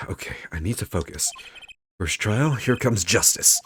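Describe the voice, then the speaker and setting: A man's voice: low-pitched, lively intonation, normal speed, slight background noise. Man putting on a jittery young rookie lawyer. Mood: nervous. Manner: jittery, insists he is fine, strained shouting. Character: nervous young male rookie defense attorney. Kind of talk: reading game dialogue aloud. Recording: game music playing behind.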